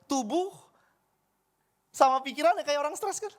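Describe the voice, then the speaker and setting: A man with an extremely high voice speaks at normal speed, delivering a conversational sermon in which he voices everyday exchanges as different characters. Faint keyboard music plays behind him in the church service hall.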